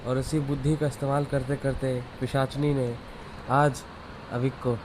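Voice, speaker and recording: A man voicing a frustrated young village man in an animated cartoon, complaining in an aggrieved way. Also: medium pitch, a little slow, close to an everyday voice. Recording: background noise throughout.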